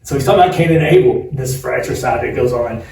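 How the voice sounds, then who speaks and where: This podcast co-host, a man in his forties, talks fast in a mid-range voice with vocal fry and a darkish tone. His casual talk is chatty and wandering, and he laughs a lot. Sound comes from a distant mic in an echoey room, with a faint hiss.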